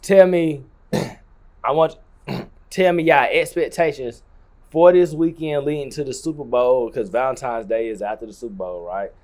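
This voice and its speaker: A man's voice: medium pitch, a little slow, a little mellow. A man hosting a casual group podcast, slangy and profane, steering everyone's talk. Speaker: podcast host.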